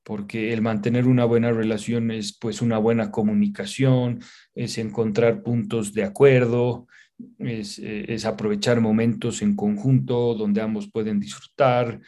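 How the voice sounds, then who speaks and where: A man's voice: fairly low pitch, flat delivery, measured pace, mellow. A man hosting a casual conversation, speaking in a thoughtful, reflective way. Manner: thoughtful, reflective, with many restarts.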